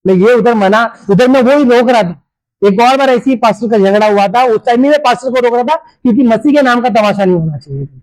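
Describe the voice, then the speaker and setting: A man's voice: very high-pitched, brisk, a little mellow, no room sound, poor audio. A man preaching a sermon as a pastor, fervent and speaking directly to his congregation in a church.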